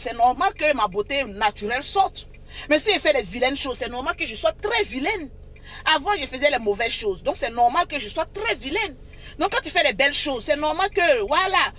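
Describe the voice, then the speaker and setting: A woman's voice: high voice, bright, forceful tone. A woman hosting an unscripted live stream on her phone, scolding and mocking her viewers and repeating herself for emphasis.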